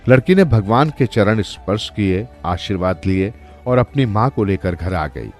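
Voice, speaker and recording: A man telling a folk story in scripted, expressive narration. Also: fairly low pitch, moderate pace, soft background music.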